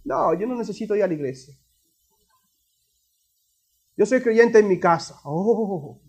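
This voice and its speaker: Casual churchgoer who stays home, as a pastor puts him on. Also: male voice, high voice, animated, unhurried, darkish tone, breathy edge, soft background music, exaggerated voice. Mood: dismissive. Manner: offhand, self-satisfied excuses. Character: adult man who skips church, casually dismissive.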